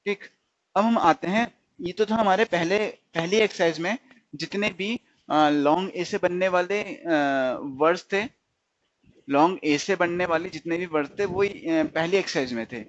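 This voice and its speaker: A man teaching a stenography lesson, asking his students questions and answering them himself, repeating each sound slowly. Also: high-pitched, dry recording, dull audio. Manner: slips into English definitions. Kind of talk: recorded shorthand lesson.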